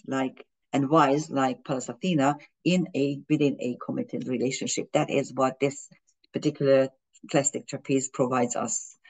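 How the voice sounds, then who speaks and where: In a low-quality recording, a woman from Hungary with Hungarian and German as her first languages talks through an astrology chart for a video. Her low-pitched, darkish voice stumbles along with frequent restarts and fillers, fitting a fumbling astrologer.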